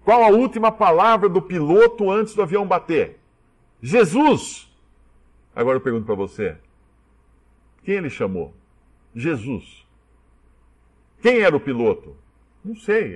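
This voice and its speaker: A man's voice: a little high, moderate pace, pauses often. A man preaching a sermon, acting out the dialogue he quotes. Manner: animated, acts out quoted dialogue.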